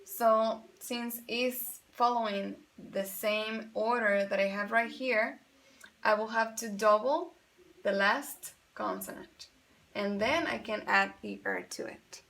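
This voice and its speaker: Gravelly-voiced woman teaching grammar. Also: mid-range voice, a bit bright. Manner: patient, explains step by step, repeats examples; switches between Spanish and English. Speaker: English teacher. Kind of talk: bilingual grammar lesson.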